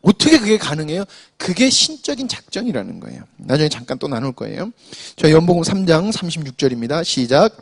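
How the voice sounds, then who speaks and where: Male preacher, husky voice, lively rising and falling pitch, explanatory sermon. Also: brisk, hardly any pauses. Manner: explanatory, addresses congregation with frequent "자".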